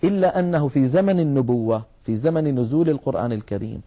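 A man's voice: mid-range voice, lively intonation, fast, warm tone, highs cut off. A man teaching the rules of Quran recitation, explaining patiently and drawing out sounds to demonstrate them. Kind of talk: religious lesson on recitation rules.

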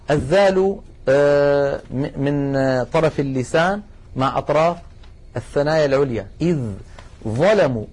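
A man's slightly high, darkish, slightly rough voice guides a recorded lesson on the rules of Quran recitation. Patiently explaining, he speaks to listeners as brothers and slows right down for each recited example.

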